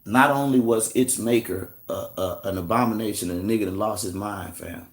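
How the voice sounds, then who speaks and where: A man hosting a live stream, talking in an animated, casual preaching manner and calling listeners "family.". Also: lowish voice, fairly quick.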